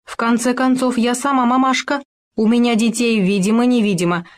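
A scatterbrained, cheeky mother cuckoo from a storybook, voiced high and flippant by a woman putting her on. She chatters in a brash, careless way. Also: steady tone, brisk, lightly acted. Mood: alarmed.

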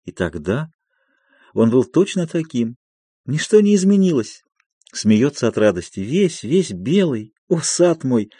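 A man's voice: mid-range voice, big pitch swings, measured pace, warm tone, husky, dry recording, clean studio sound, pitched above the performer's own voice. A man voicing a middle-aged noble lady, nostalgic and tearful, reading an audiobook of a play. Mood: wistful. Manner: wistful, emotional.

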